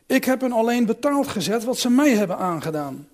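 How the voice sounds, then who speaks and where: A man's voice: very high-pitched, big pitch swings, a little fast. A man reading a Bible passage aloud, voicing Samson as a proud, vengeful strongman in a raised, declaiming voice. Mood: defiant.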